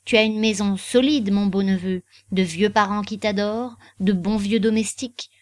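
A woman's voice: mid-range voice, steady tone, moderate pace, close to an everyday voice. Woman reading as a pious old blind aunt. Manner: homely, advising, hushed at times. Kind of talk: audiobook character reading.

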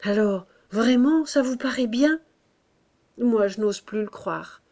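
A woman's voice: medium pitch, takes it slowly, a little mellow. A woman reading the part of a burly, self-doubting older master painter in an audiobook, with pleading, tormented outbursts. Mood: anxious pleading. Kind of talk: audiobook character voice.

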